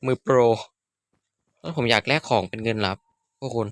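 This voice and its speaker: A young man, a gaming YouTuber, chats casually through a Minecraft let's-play, poking fun at himself and blurting out sudden exclamations. His mid-range voice is a bit bright and fairly quick, recorded with no echo.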